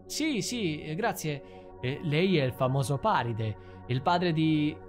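A man's voice: on the high side, lively intonation, takes it slowly, faint music behind, voice pushed up. A man voicing a breezy, wry woman in her thirties who works in international policing, in a read-aloud story.

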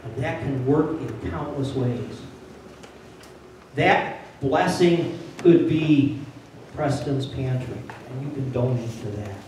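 An older pastor preaches a sermon from the front of a large church sanctuary, speaking plainspoken and conversational before rising to urgent emphasis. His medium-pitched voice is slow and a little mellow. Captured on a handheld mic by a distant camera, the sound is very echoey, with a little hiss or hum.

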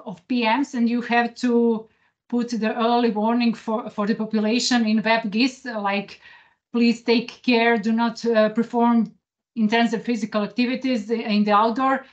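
A woman with a Croatian accent asking a question on a video call, searching for words as she goes. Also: on the high side. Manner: searching for words, non-native phrasing. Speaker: conference attendee asking a question. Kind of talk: question in online Q&A. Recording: muffled video call audio.

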